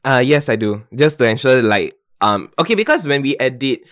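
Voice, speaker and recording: A young man talks as a podcast guest, earnest and agreeable. His voice moves a lot in pitch. He laughs easily. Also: big pitch swings, a little fast, a bit bright. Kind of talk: casual chat.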